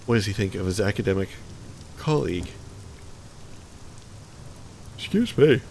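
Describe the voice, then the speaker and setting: A man's voice: low-pitched, quick pace, gravelly, darkish tone, a little hiss or hum. A man hosting a let's play, casually reading game text aloud with chatty asides and small slips.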